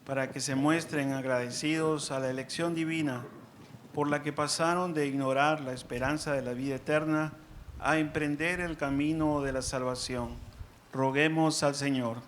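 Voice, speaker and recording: A man speaking as a priest at Mass, in a measured, solemn way with pauses between short phrases. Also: a little high, steady tone, slight background noise. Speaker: priest preaching and leading prayers at Mass. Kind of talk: sermon and liturgical prayer. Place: church during Mass.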